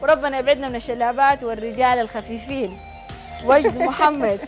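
A woman's voice: high-pitched, fast, over music. A woman with a Sudanese Arabic accent presenting a live TV show in a chatty, congratulatory way. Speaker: TV show host and prize draw presenter. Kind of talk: live TV presenting, reading messages and announcing prizes. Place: TV studio, standing.

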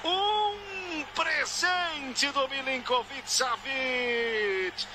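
Shouting Brazilian man, explosive high-pitched goal commentary. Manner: shouting, drawn-out excited calls. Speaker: football play-by-play commentator. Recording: noisy stadium broadcast audio.

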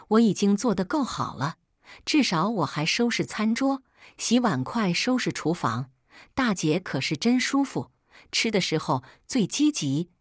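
A woman's voice: medium pitch, husky, no echo, studio quality. A woman voicing a young mother who talks back coldly, with sarcastic, cutting remarks. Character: young mother, cold and sharp-tongued.

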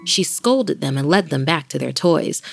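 A woman's voice: low-pitched, expressive, normal speed, creaky. A woman host narrating a horror story in a dramatic scripted style. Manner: dramatic, varying pace with the tension. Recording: faint music bed.

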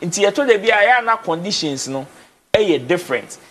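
Animated, a little fast and somewhat bright, a young Ghanaian man's high voice carries through a casual TV studio discussion indoors. He speaks with a Ghanaian accent, alternating Twi and English and repeating words to stress what he means.

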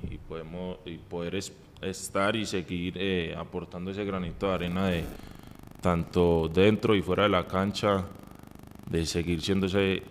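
A young man answers reporters from a table microphone. His voice sits very low and stays flat in tone, and he stops and restarts his thoughts often. A long reverb trails behind him in the press room. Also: a little hiss or hum. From Colombia. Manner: halting, many restarts and fillers. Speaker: football player. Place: press room in front of a sponsor backdrop. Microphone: table mic.

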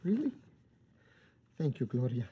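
An actor playing a sensitive, earnest young entrepreneur who is easily hurt, in a sitcom. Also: male voice, medium pitch, wildly swooping pitch, a little slow, highs cut off, slight background noise. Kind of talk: sitcom acting.

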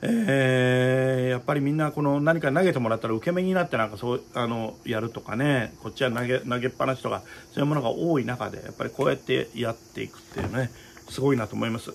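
A man's voice: medium pitch, fast talker, creaky, slight background noise. A man hosting his own talk show about opera, speaking in a rambling, earnest way with many fillers. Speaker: opera director and show host. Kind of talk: casual talk to viewers.

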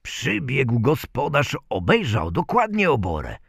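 A man reads an old folk tale aloud, slowly and with sweeping rises and falls in his voice. His tone is husky, and the recording is dry and close. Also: mid-range voice, no echo. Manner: slow, lively storytelling. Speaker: narrator.

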